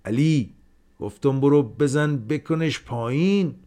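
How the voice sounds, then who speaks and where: A man voicing a gruff, irritable older householder who grumbles and shouts curses and orders. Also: mid-range voice, animated, pitched above the performer's own voice, close to an everyday voice. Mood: shouting.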